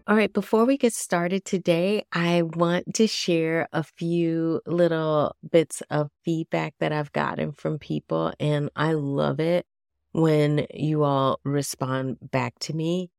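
Gentle low-voiced woman hosting a podcast. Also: steady tone, slow, creaky, smooth, no room sound, clean studio sound. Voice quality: nasal. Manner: gentle, chatty, self-deprecating. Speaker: podcast host. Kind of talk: solo podcast talk.

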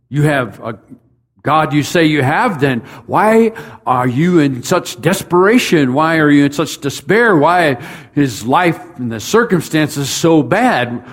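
A pastor preaching a sermon in a conversational way, talking straight to his congregation and building up to emphatic rhetorical questions. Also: fairly high pitch. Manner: conversational, speaks directly to the congregation.

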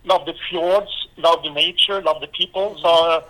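A man from Norway with a Norwegian accent, a former volleyball player answering interview questions in halting English full of fillers and restarts. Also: on the high side, fairly even intonation, pushed and bright, poor audio.

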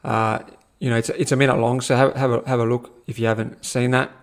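Young man, personal growth teacher, gravelly voice, mid-range pitch, animated and repetitive motivational chat. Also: brisk. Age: young adult. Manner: animated, repetitive, keeps saying "my friend". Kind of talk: casual motivational monologue.

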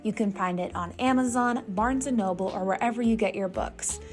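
A woman reading a scripted announcement in a measured, even way. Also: mid-range voice. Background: soft music.

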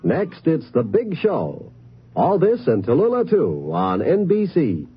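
A man's voice: a little high, huge pitch swings, measured pace, breathy edge, faint music behind. A man announcing network programs in a polished, upbeat, emphatic 1950s promotional radio style. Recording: muffled vintage radio broadcast.

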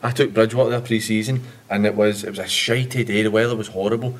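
A man's voice: fairly low pitch, fairly even intonation, fast. A man with a west of Scotland Glasgow accent chatting casually, jokey, self-deprecating and sweary. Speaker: former junior footballer. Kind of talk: casual chat.

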